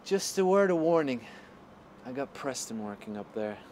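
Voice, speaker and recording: A man's voice: medium pitch, big pitch swings, normal speed, darkish tone, slight background noise, close to an everyday voice. A man playing a noir police detective in a film, a chummy but defensive partner with casual, clipped talk.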